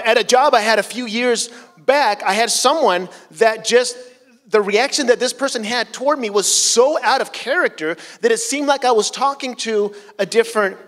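A middle-aged pastor preaching a casual sermon on a church stage with a handheld mic, telling personal stories in a conversational, self-deprecating way. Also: male voice, extremely high pitch, a bit bright. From Chile. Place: church stage, large hall. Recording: long church hall reverb.

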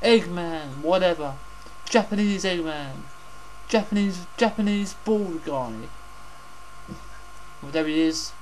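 A man's voice: high-pitched, slow pace, pauses often, slight background noise, rough recording. A man hosting casual game commentary, rambling and repeating his phrases, with some swearing. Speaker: gaming host.

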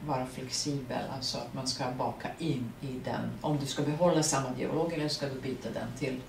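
A woman with a Serbian accent and Serbian as her first language, speaking as the guest at a public artist talk, animated, laughing often and searching for words. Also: extremely low pitch, gravelly. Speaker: guest actress. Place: print workshop event room. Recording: roomy, distant mic, faint noise.

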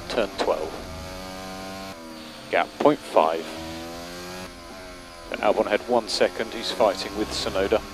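Low-voiced male engineer on noisy race radio. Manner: terse, matter-of-fact. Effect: race car radio. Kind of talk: race car radio instructions. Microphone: radio headset. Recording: noisy team radio, car noise.

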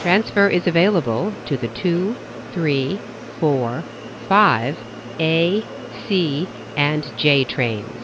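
Woman with a low voice on a train loudspeaker, muffled, with a faint hum behind. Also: lively intonation. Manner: measured, evenly spaced phrasing. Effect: over a train loudspeaker. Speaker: recorded train announcer. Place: inside a subway car. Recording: muffled train speaker with faint car noise.

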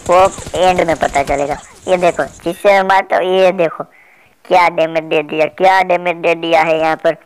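A man hosts a comedic mobile gameplay commentary, teasing and playful as he fakes politeness toward the opponents he trolls. His voice is smooth and clean. He keeps a light, mischievous running patter throughout. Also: high-pitched, poor audio. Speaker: gaming channel host.

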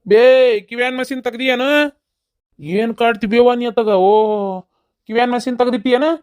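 A woman voicing a brisk, exasperated young villager in a cartoon with a North Karnataka accent. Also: on the high side, steady tone, darkish tone, natural voice. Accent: North Karnataka Kannada.

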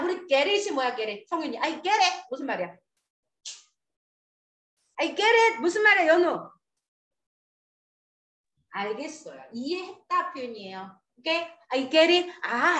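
A woman's voice: high-pitched, a bit bright. A woman teaching an English lesson to a class. She coaxes the students along and drills them with questions. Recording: echoey classroom.

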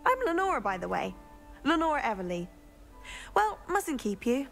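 A woman's voice: high voice, very animated, normal speed, gravelly, fairly bright tone, faint music behind, heavily acted. A woman voicing a self-assured, witty young witch student in a video game, with a formal, chatty manner. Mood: self-assured, friendly.

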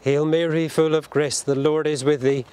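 A man leading a burial service outdoors at a cemetery, reciting the prayers in a solemn, measured way. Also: on the high side, little pitch movement, mellow, clean tone. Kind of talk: liturgical graveside prayer.

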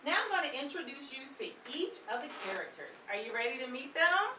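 This middle-aged children's book author reads to young kids at a public library, keeping it lively with questions and prompts to repeat words. Her pitch is high and her delivery quick. The far camera captures an echoey, distant sound, with children and ambient noise in the background.

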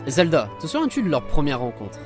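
A man's voice: a little high, wildly swooping pitch, fairly quick, music in the background. A man reading as a wise old headmaster. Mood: solemn. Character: wise elderly male headmaster, calm and kindly. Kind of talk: reading game dialogue aloud.

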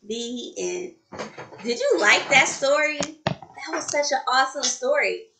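A woman's voice: high voice, background noise. A woman preschool teacher reading a story aloud expressively to children and explaining a craft activity. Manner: slow, expressive, talking to children. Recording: roomy echo.

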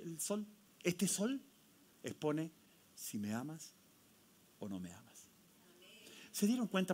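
A man with a Chilean accent, a pastor preaching a sermon and leading an altar call, swinging from loud questions to hushed, intimate tones. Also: a little high. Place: church sanctuary. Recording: live church sound with loud guitar music behind. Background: guitar music.

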